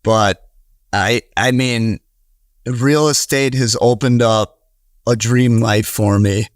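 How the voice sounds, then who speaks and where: Slow and fairly even at a medium pitch, the real estate investor from Wisconsin, in his thirties, is recorded in studio quality with no echo. As a podcast guest in a casual interview, he talks earnestly but meanders, with plenty of fillers and restarts.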